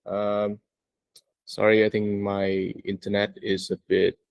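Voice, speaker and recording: A man's voice: fairly low pitch, monotone, a little slow, no room sound, highs cut off. A man hosting an online session, introducing a guest speaker over a video call with many hesitant fillers. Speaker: event host.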